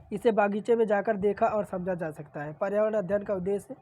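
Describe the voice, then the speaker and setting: Reading practice questions aloud and solving them, a woman teacher keeps clearing her sore throat. She speaks at normal speed in a mid-range, dark voice with fairly even intonation.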